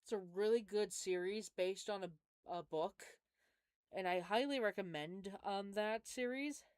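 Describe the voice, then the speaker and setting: A woman's voice: mid-range voice, a little slow, darkish tone, smooth, no echo, studio quality. A young woman chatting casually on a live stream, answering chat in a rambling way with lots of fillers.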